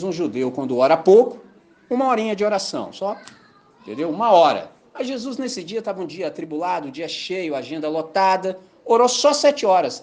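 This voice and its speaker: A man's voice: high-pitched, a little mellow. A man preaching an informal, joking sermon, often checking that his listeners follow. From Brazil. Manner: colloquial, jokey, keeps asking "entendeu?". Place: mission gathering.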